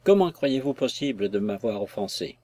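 A man voicing a shy, tender young gentlewoman who answers softly and with some hesitation. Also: mid-range voice, sing-song, moderate pace. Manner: soft, hesitant replies.

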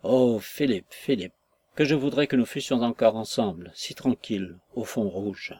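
A man's voice: mid-range voice, animated, moderate pace, breathy edge. A man voicing a timid, troubled young woman in a read-aloud story. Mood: longing. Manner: timid, soft delivery.

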